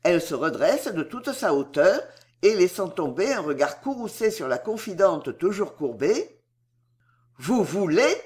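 A woman reading a historical novel aloud, with expressive, dramatic storytelling. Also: on the low side, moderate pace. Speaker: audiobook reader.

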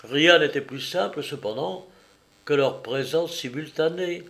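Male audiobook narrator, measured and expressive. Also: fairly high pitch, gravelly. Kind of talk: scripted narration of a classic novel.

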